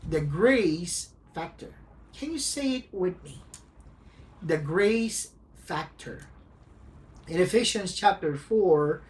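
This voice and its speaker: A woman pastor delivering a sermon, speaking deliberately and repeating key phrases for emphasis. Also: mid-range voice.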